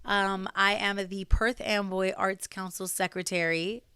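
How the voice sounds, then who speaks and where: A woman's voice: mid-range voice, little pitch movement, measured pace, pushed and bright, clear, resonant tone, no room sound, studio quality. A young woman from New Jersey, chatting as a podcast guest with lots of fillers and restarts. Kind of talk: casual interview conversation.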